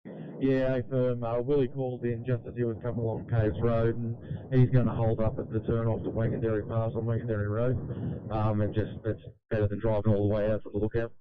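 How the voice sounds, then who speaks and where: A man's voice: medium pitch, completely flat delivery, brisk, clear, resonant tone. An Australian man on a fire crew, coordinating informally over two-way radio. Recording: tinny, narrow field radio.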